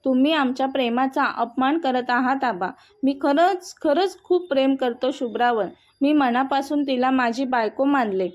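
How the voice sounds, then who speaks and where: A woman's voice: high voice, moderate pace, few pauses, lightly acted. A woman voicing an earnest young husband who pleads to keep his wife, read as part of a storybook. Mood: pleading. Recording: dull, muffled audio.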